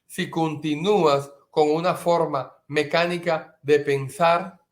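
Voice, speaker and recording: A man's voice: a little high, fairly even intonation, takes it slowly. A middle-aged man preaching a sermon as a pastor, earnest, sometimes acting out his listeners' objections. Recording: echoey room.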